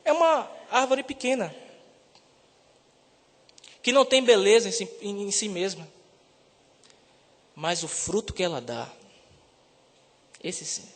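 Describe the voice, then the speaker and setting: A seminarian from Salvador, preaching a sermon and rising to loud, emphatic peaks on key words. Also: male voice, high voice, animated, slow, long pauses. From Salvador, Brazil. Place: church. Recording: reverberant church hall.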